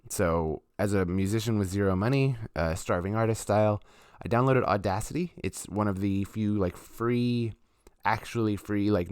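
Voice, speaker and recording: A man's voice: low voice, a little mellow, no room sound, studio quality. A man chatting casually on a live stream as a musician, talking loosely with lots of fillers. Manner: laid-back, rambling, chatty with fillers.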